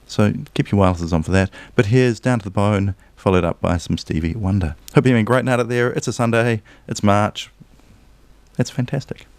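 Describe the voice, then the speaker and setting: A man's voice: on the low side, a little fast, a little mellow, no echo. A man hosting a community radio music show, chatting casually and cheerfully between songs. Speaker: radio DJ and host. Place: radio studio. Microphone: studio microphone.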